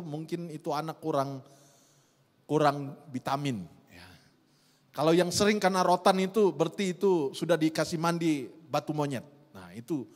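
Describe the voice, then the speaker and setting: A middle-aged man, preaching a sermon in a lively storytelling way and often addressing the congregation directly. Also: a little high. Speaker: pastor. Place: church hall. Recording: long church hall reverb.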